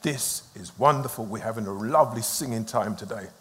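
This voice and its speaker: A male pastor preaching a sermon in short phrases for an interpreter, lively and emphatic, often laughing. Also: fairly low pitch, brisk, long reverb tail. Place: church service.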